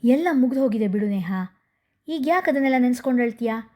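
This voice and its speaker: A woman voicing a young husband who talks quickly and reassuringly. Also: fairly high pitch, lively intonation, darkish tone, natural voice.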